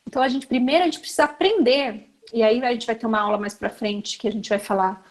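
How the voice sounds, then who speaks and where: A Brazilian woman with a Brazilian Portuguese accent gives a conversational lecture to educators, talking fast in a fairly high voice. She is chatty, full of fillers, and often turns to address her listeners directly.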